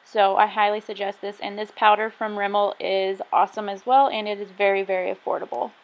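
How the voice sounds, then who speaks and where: A woman's voice: medium pitch, flat delivery, a little fast. Young woman, casual makeup tutorial voice-over, chatty, self-deprecating, slightly muffled sound. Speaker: beauty vlogger.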